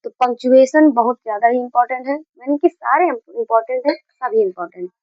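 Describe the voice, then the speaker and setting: Woman teacher with a slightly high voice going over grammar, dry dull lo-fi sound. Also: fairly quick, no echo. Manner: repeats key points, mixes in English terms. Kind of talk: explanatory lesson.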